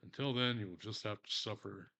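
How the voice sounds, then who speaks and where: Texan man, bright and forceful low voice, rambling and profane, casual crafting stream host. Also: fairly quick, gravelly. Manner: rambling, profane, self-mocking.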